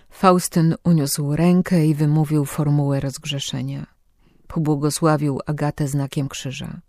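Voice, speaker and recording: Slow, measured male audiobook narrator. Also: on the high side, dry recording, studio quality. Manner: measured, even storytelling.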